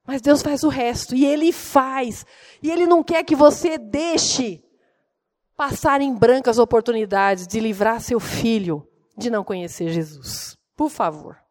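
A woman's voice: a little high, measured pace, a little mellow. A middle-aged woman gives a sermon, telling family stories with earnest emotion. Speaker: preacher and mother.

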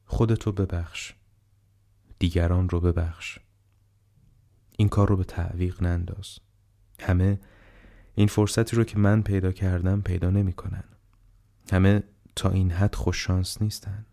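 A man reading the part of a frail, dying old man who speaks slowly, haltingly and on the edge of tears. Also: low-pitched, level tone, creaky, dark tone. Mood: gently urging. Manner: slow, halting, tearful.

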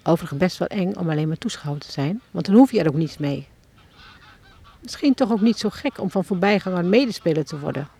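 Gravelly woman narrating a devotional story. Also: on the low side, expressive, a little fast, dark tone. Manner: addresses the listener directly with questions, as if standing at the scene. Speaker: children's book author.

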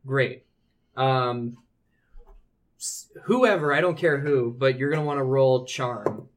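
A man narrating a tabletop game as game master, improvising descriptions and pausing to find his words. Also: medium pitch.

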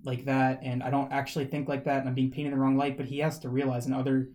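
Man, podcast co-host, casual rambling chat, mellow dark tone. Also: medium pitch, flat delivery, fast, slight background noise. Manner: rambling, many fillers and restarts.

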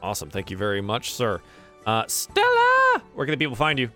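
A man hosting and narrating a live tabletop game as game master, in an informal, halting, improvised delivery. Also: on the low side, expressive, bright, forceful tone, soft background music. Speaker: game master and show host. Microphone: online voice call.

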